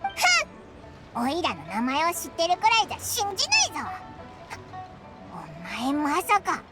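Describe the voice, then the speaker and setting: A woman voicing a small childlike companion creature in an anime game, brash and suspicious, with squeaky voice and blunt boyish speech. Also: huge pitch swings, moderate pace. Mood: suspicious, accusing. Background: loud music.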